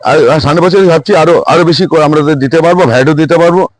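A man who runs a plant nursery, explaining in a quick, excited, repetitive way in a casual chat outdoors at his nursery. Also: fairly high pitch, no room sound.

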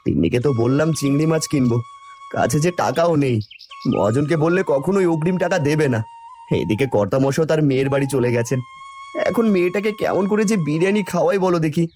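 Guy doing a worried cartoon dad, fast talker, highish voice. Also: lively intonation, darkish tone, soft background music, natural voice. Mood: tender. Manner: anxious, tender. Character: poor village father, caring and worried. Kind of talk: cartoon voice acting.

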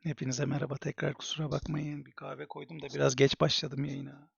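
A man live-streaming who swears heavily and rants at his chat in fast, exasperated outbursts. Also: on the high side, flat delivery, creaky, slightly rough, dry recording, dull audio.

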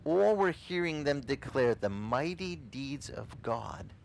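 A middle-aged man, whose first language is not English, preaches an animated and casual sermon outdoors on a beach, gesturing and acting out the voices he quotes. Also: mid-range voice, slow, vocal fry, slight background noise, poor audio. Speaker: pastor.

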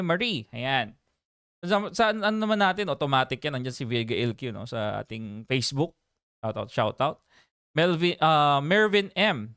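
A man hosting a casual reaction livestream, animated and chatty, laughing often and reading viewer names aloud. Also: high-pitched, smooth, no echo, studio quality.

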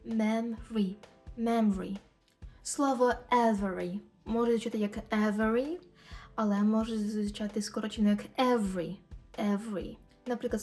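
Woman teacher slowly repeating practice phrases. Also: medium pitch, darkish tone. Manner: slow and careful, repeating example phrases many times. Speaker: English teacher. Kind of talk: language lesson explaining pronunciation.

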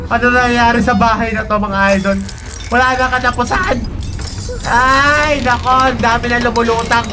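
A man hosting a reaction video, commenting on an animation in an animated, alarmed way, yelping and calling out to his viewers. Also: very high-pitched, moderate pace. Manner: animated, yelps and shouts in alarm, addresses viewers as idols. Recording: music playing loudly behind.

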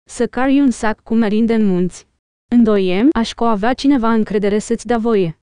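A hot-tempered young warrior lord mocks and bristles, as a woman reads him. The voice is smooth and mellow, pitched a little high, dry and close. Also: no room sound, natural voice. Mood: mocking.

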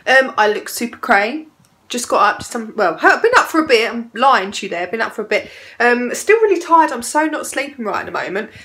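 A woman's voice: fairly high pitch, expressive, brisk, a bit bright. A woman, chatting casually to camera at home and rambling a little. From England. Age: 30s. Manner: chatty and rambling, fond baby talk to her cats. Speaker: vlogger. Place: her home, indoors.

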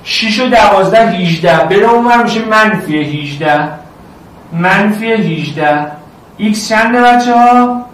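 A high-voiced man teaching a math class in a loud, animated way, speaking straight to his students. He sounds far from the microphone in a strongly echoing room, with faint noise behind him. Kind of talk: online class lecture.

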